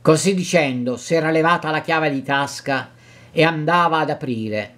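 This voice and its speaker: An Italian man narrates a classic novel at a measured pace, now and then slipping and correcting himself. His voice sits slightly high for a man. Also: a bit bright. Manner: measured reading with occasional slips and restarts. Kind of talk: dramatic reading of a classic novel.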